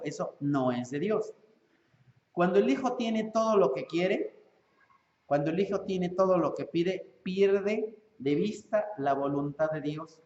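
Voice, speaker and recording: A man with a Mexican accent preaching a sermon as pastor, animated and acting out parents and children. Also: on the high side. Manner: animated, acts out parents and children in quick voices. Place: church. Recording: echoey lo-fi church hall recording.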